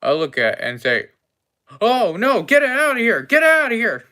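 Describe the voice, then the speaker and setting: A man's voice: medium pitch, slow pace, pushed and bright. A man voicing a polite, fussy cafe owner in a tabletop game, telling a long-winded story with gasps and exclamations. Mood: flustered. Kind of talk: role-play voice in a tabletop game.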